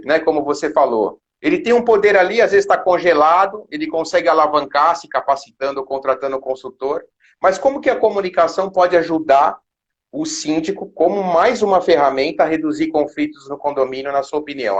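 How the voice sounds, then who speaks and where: A Brazilian man hosting a live interview, asking long, smoothly framed questions over a video call. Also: on the high side, lively intonation, fairly quick, lo-fi sound. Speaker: host.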